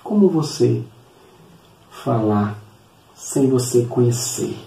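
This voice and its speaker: Mellow-voiced man teaching in an echoey room. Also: medium pitch, lively intonation, creaky, a little hiss or hum. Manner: earnest, repeats points, halting fillers. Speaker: Sunday school teacher. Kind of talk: Bible lesson teaching. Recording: echoey room, mic at a distance.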